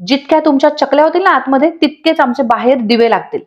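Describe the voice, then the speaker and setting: A woman voicing a spirited, quick-witted young daughter-in-law in a retold TV serial, on slightly dull lo-fi audio. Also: sits high, lightly acted. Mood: cheeky.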